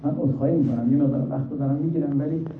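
Impassioned high-voiced male preacher, echoey. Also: far from the mic. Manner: impassioned, swinging from hushed to loud. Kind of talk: religious sermon with mourning narration. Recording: echoey, phone-like, faint noise.

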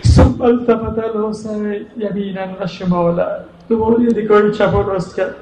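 A man delivering a mourning sermon, narrating in plain speech and breaking into shouted, wailing chant. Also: fairly even intonation, noisy background. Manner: rises into shouted wailing chant, then drops to low narration. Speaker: eulogist. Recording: echoey, distant mic, faint ambience.

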